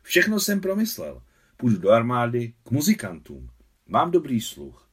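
A man's voice: mid-range voice, huge pitch swings, breathy edge, recorded from a distance. A man reading an audiobook voices a grieving, defiant runaway boy with a sulky, snapping manner. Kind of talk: audiobook dialogue.

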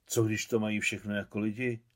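A man doing an excitable young boy. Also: fairly low pitch, lightly acted.

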